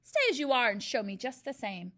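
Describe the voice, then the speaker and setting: A woman's voice: fairly high pitch, expressive, brisk, fairly bright tone. A woman voicing a huge bullying headmistress who barks and bellows with sarcasm. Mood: scornful. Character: huge bullying female headmistress, furious and brutal.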